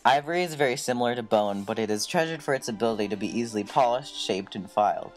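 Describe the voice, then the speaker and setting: A man's voice: mid-range voice, animated, quick pace, faint music behind. A man reads scripted documentary narration.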